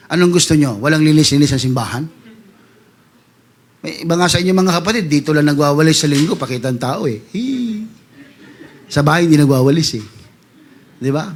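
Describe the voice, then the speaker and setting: A man preaching a sermon as pastor, animated, voicing congregants in quick asides and rising to loud calls to the congregation. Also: fairly high pitch.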